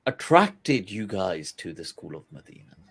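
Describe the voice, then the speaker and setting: A man's voice: sits low, sing-song, moderate pace, slight background noise. A man hosting a live online interview, effusive and exclamatory, stretching out his words. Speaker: host. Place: lives in England.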